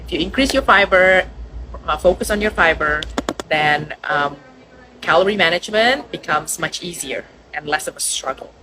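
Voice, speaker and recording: A woman from Indonesia, a restaurant owner chatting casually in an interview, lively and quick to laugh. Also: fairly low pitch, background noise. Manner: lively, laughs often, acts out quoted customers.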